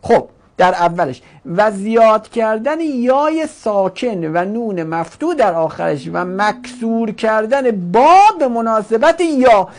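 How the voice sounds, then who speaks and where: Speaking with lively intonation and hardly a pause, a woman with a fairly high, slightly mellow voice runs a grammar class. She asks the students questions, supplies the answers herself, and gives the grammar forms voices as if they were talking characters.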